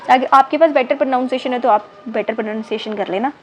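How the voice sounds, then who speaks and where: A woman with a higher voice talks quickly as she teaches an online chemistry class, with soft music and faint noise in the background and poor audio overall. She counts aloud, spells words letter by letter, repeats terms, mixes in English terms, and checks in with students by saying "thik hai na".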